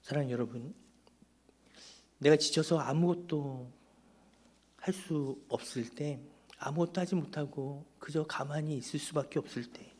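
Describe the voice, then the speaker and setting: A male pastor preaching an impassioned sermon at a Friday prayer meeting in church, often dropping to a hushed, near-whispered delivery. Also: fairly high pitch.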